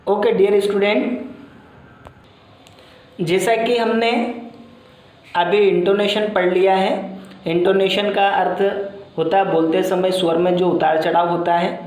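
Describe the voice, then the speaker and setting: A male teacher giving a classroom lecture. He explains in repetitive, circling phrases with many fillers, and reads English lines out slowly before explaining them. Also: high voice, level tone, darkish tone. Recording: very echoey room.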